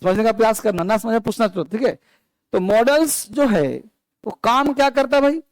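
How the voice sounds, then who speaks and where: A high-voiced male English teacher lectures a classroom of students at a moderate pace, calling them children and quizzing the class as he explains; the lesson is also streamed online. The audio is close and dry, with no room echo.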